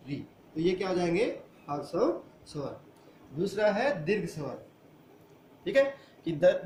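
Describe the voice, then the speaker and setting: A man's voice: high voice, a little mellow, reverberant, slight background noise. A man teaching a grammar lesson who asks the class questions and answers them himself. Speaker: school teacher.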